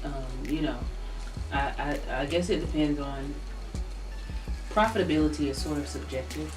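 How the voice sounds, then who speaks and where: A woman's voice: low voice, moderate pace. A woman chatting casually and chewing while she talks, telling things in a folksy, exclaiming way. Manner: animated storytelling with folksy exclamations. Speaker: mukbang co-host. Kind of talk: casual chat. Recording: echoey room, distant mic, faint music.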